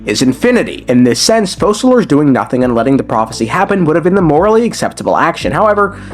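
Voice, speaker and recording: A man talking through video game lore in a relaxed, conversational commentary. His pitch rises and falls expressively as he makes his points, and faint music plays in the background. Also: fast talker. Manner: conversational and animated, with slangy asides.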